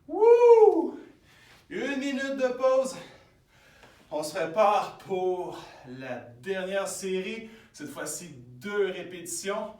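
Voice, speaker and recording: Québécois male fitness coach, high voice, unhurried, recorded from afar in an echoey gym. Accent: Québécois French. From Quebec. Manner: counts reps aloud, louder and higher during sets. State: exercising while talking. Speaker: fitness instructor. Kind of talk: guided workout with counting. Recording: echoey room, voice from far off.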